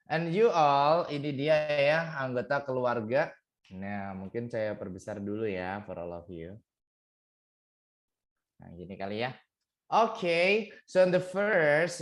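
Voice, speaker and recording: Male English tutor, online vocabulary lesson; slow, patient drilling with a lively, bouncing pitch. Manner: drills each word by slow repetition; mixes English words into teaching talk.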